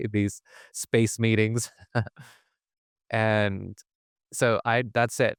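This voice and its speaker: A man's voice: fairly low pitch, smooth, dry recording, studio quality. A man who is a spiritual teacher, telling a personal story in a rambling way, often breaking off his sentences and laughing.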